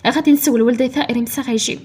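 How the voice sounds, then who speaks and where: A woman's voice: sits high, fairly even intonation, very fast, darkish tone, breathy edge. A woman voicing a polite, evasive Moroccan mother-in-law. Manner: polite, hesitant.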